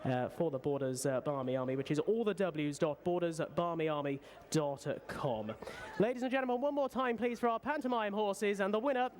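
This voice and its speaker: Calling a race live, this racecourse announcer speaks in short, frequently paused phrases, his high voice full of expression.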